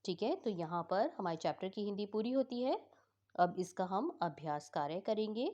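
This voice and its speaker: A woman teacher patiently explaining a school lesson for exam revision, repeating each word slowly. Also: medium pitch, animated, warm tone, lo-fi sound.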